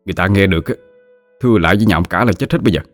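A man voicing an anxious elder brother, a poor farmer who urges in a hushed way. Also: deep voice, very fast, dry recording, faint music behind, close to an everyday voice. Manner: hushed, urging.

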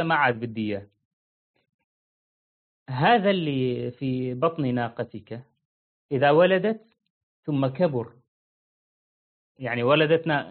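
A man teaching a religious lesson, explaining rulings with lively everyday examples and acting out buyers and sellers. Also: fairly high pitch. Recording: tinny phone-like line.

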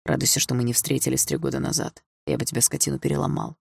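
A woman's voice: a bass voice, fast, gravelly, husky, no echo, clean studio sound, full character voice. Woman voicing a seething, menacing young man. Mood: cold. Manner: cold, even menace. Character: young man, tough, seething, threatening through teeth.

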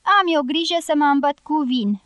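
A woman doing a drunk, hoarse man. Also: sits high, animated, a bit bright, no room sound. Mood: drunken. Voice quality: hoarse, slurred. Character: drunken hoarse middle-aged man, sullen and proud.

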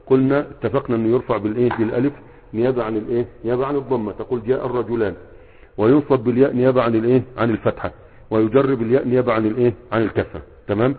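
A man's voice: mid-range voice, fairly even intonation, rapid-fire, husky. A man with an Egyptian accent, a sheikh teaching a grammar class, who keeps prompting his students with fill-in questions and checks that they follow. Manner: fills gaps with quiz-like questions and checks the students often. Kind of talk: classroom lesson. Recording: tinny phone-like sound in a reverberant hall.

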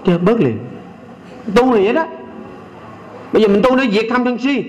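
Older monk with a Southern Vietnamese accent and a high voice, folksy and teasing in a sermon, slowing down to recite and sing verses. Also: male voice, poor audio. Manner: folksy, teasing, keeps asking the audience "right?". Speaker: Buddhist monk. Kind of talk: Dharma talk to a lay audience.

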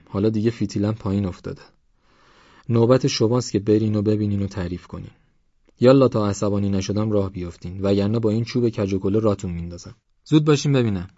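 A blustering village elder past eighty, voiced by a man, dry and teasing with a husky edge. The sound is close and dry, a little dull in the highs. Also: mellow, no room sound, close to an everyday voice. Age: over 80. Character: gruff old village man, former field guard.

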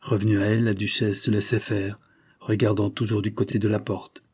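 A man narrating a novel as an audiobook in a measured, expressive way. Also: on the low side, slightly rough, no echo, studio quality. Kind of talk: literary audiobook reading.

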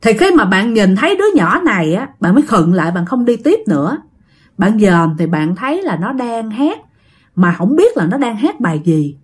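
A woman's voice: medium pitch, moderate pace, husky. A woman with a Southern Vietnamese accent, casually narrating a ghost story and speaking straight to her listeners with dramatic emphasis. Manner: animated, addresses listeners directly, dramatic emphasis.

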